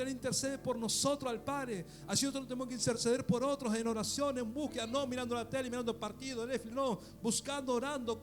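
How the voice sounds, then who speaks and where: A middle-aged man with a Rioplatense Spanish accent, preaching a sermon as pastor, building to loud peaks with rhetorical questions. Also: extremely high pitch.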